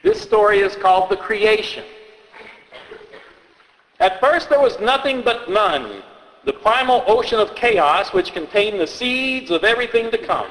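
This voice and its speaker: A man's voice: high-pitched, expressive, measured pace, fairly bright tone, in a large hall, poor audio. A man telling and reading folk tales aloud in a rambling, hesitant way, often restarting his sentences. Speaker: storyteller.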